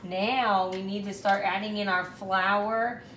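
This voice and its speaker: A mother in her thirties casually guides young children through steps indoors in a home kitchen or dining room, encouraging them and checking in with frequent questions. Her mid-range voice is fairly even and slow, with music playing behind her. The room is echoey, and the background noise is clear.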